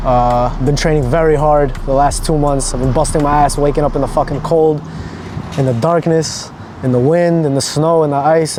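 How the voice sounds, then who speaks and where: A man's voice: a little high, background noise. A man in his twenties talking casually and earnestly to a vlog, in a motivational way with some casual swearing. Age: 20s. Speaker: vlogger, amateur runner.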